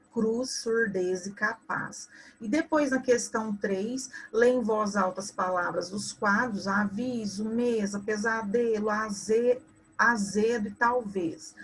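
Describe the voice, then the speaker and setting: Slow, husky Brazilian teacher. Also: female voice, on the high side. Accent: Brazilian Portuguese. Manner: patient and explanatory, spells out words slowly. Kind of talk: correcting homework for schoolchildren.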